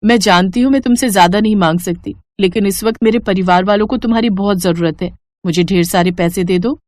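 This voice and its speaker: A woman's voice: mid-range voice, brisk, a little mellow, no echo, natural voice. A woman voicing a devoted young daughter-in-law who speaks earnestly and pleads. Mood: pleading.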